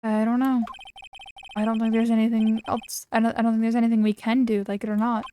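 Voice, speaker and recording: A woman's voice: a little high, level tone, fairly quick, warm tone, a little hiss or hum, lightly acted. A woman voicing a hesitant young male defense attorney, reading game lines in an unsure way. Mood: doubtful.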